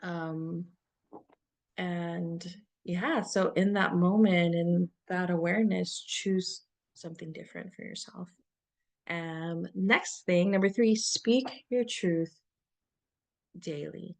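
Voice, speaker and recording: A middle-aged woman talks through self-help ideas in an unhurried, meandering way. Her voice sits a little low and carries a slight gravelly fry. She fills pauses with soft "ums" and quiet laughs. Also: fairly even intonation. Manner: gentle, meandering, with soft laughs and many fillers. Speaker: spiritual coach. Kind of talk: reflective self-help talk.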